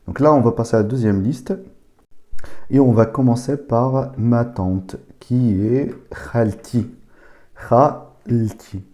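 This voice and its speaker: A man giving a casual spoken language lesson, saying each word slowly and repeating it several times. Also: medium pitch, mellow. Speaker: language teacher.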